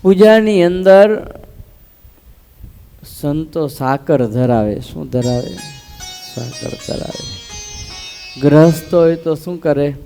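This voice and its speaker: A man's voice: on the high side, takes it slowly, gravelly, long pauses, dark tone, clean tone, faint music behind. A man, a swami, giving a devotional sermon, telling a story with rhetorical questions and acting out the dialogue. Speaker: swami giving a scripture discourse.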